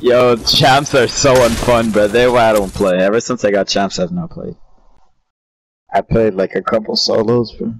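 A man on a headset chatting casually with friends while gaming, slangy and relaxed, saying bro a lot. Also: lowish voice, moderate pace. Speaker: gamer.

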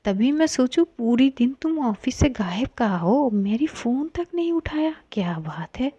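A woman's voice: fairly high pitch, dark tone, no echo, lo-fi sound. Woman voicing Mishka, a teasing nosy young woman.

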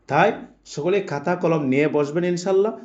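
A man teaching Quran recitation, slowly and deliberately drawing out each letter sound for his students to repeat. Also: fairly high pitch, a little mellow, highs cut off. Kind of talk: slow instructional lesson.

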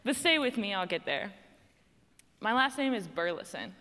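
This young Texan woman, clearly accented, is a student panel speaker giving a prepared speech about her own life from a stage in a big hall. Her mid-range voice has lively intonation and a sharp tone at normal speed, and she leans hard on important words in a conversational way. Long reverb from the hall surrounds her.

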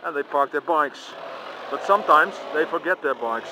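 Outdoors by a busy street's bike parking, a Dutch-accented man films his walk on a handheld camera, exclaiming often as he chats. His fairly high, expressive voice moves at normal speed, and the camera-mic recording is noisy.

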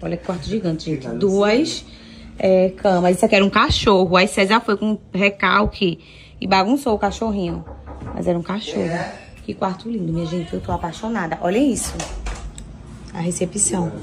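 A young woman, chatting excitedly to viewers as she films a hotel tour on her phone. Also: mid-range voice, moderate pace, slight background noise. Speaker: vlogger. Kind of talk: casual vlog tour.

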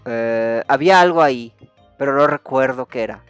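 A man's voice: medium pitch, normal speed, clear, resonant tone, no room sound, faint music behind. A man with a Mexican Spanish accent giving casual gameplay commentary and musing aloud. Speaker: gaming YouTuber.

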